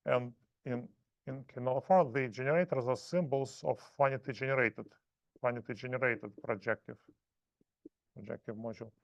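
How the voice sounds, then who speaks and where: A man lecturing at a math seminar, thinking aloud in halting phrases and restarting often. His voice sits at a middle pitch. The sound is dry and a bit muffled. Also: gravelly, no room sound. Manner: halting, self-correcting explanations.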